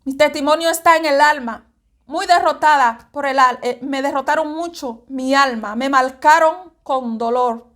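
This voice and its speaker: A woman's voice: sits high, moderate pace, fairly bright tone. A woman giving a fervent religious reflection, often repeating herself and speaking straight to the listener. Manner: fervent, repetitive, addresses the listener directly. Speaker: evangelical preacher.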